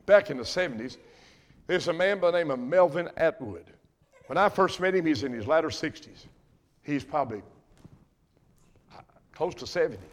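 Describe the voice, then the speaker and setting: An older pastor preaches with fervor, his voice sitting a little high for a man. He talks in a folksy way and doubles back on his own words. He swings between ringing emphasis and quiet, intimate asides. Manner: fervent, emphatic preaching with swings from loud to hushed; folksy, repeats and restarts phrases. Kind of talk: sermon.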